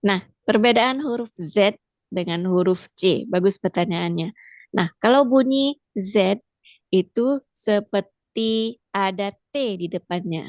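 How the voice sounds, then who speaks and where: A woman teaching Mandarin pronunciation with an Indonesian accent, patiently repeating sounds slowly for practice. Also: medium pitch, no echo, muffled recording. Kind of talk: online language lesson.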